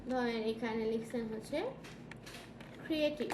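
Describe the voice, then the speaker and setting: In a classroom software lesson, this high-pitched female design tutor, who has a Bangladeshi Bengali accent, keeps asking students questions as she goes. She speaks at a normal speed, and the room sounds echoey with noise in the background.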